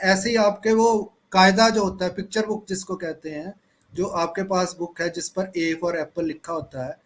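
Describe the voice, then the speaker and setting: Slow, deliberate male English teacher. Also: sits high, fairly bright tone. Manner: slow, deliberate, spells out words letter by letter. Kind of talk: online class lecture mixing Hindi and English.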